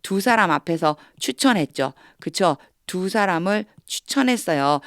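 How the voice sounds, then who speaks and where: A woman teaching English through Bible verses, explaining step by step and reading English lines slowly. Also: fairly low pitch, lively intonation, no echo, clean studio sound. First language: Korean.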